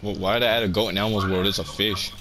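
A man's voice: on the low side, fairly even intonation, fast talker, crowd noise. A young man hosting a gaming video, bantering and joking in a hyped, playful way over voice chat. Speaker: gaming channel host. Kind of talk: casual gameplay banter. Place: online game voice chat. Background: game music.

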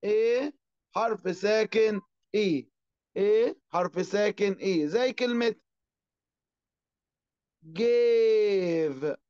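A man with an Egyptian Arabic accent teaching an online class. He asks and answers his own questions and draws out English words slowly. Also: high-pitched, a little mellow, dull audio.

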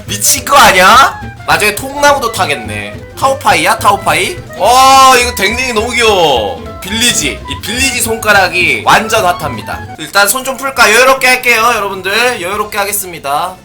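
A man giving playful let's-play commentary on a racing game, often shouting excitedly. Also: sits high. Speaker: gaming streamer.

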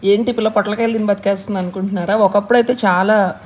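A woman's voice: mid-range voice, steady tone, rapid-fire, a little mellow, slight background noise. A woman chatting casually to her viewers in a home vlog, mixing in English words. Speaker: vlogger.

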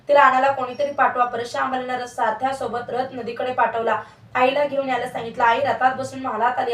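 A woman reading a devotional story aloud in a steady, recited manner, in an echoey room far from the mic. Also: high-pitched.

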